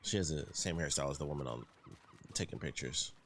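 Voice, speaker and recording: Low-voiced man commenting on a game. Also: fast, a little hiss or hum. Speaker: gamer commentator.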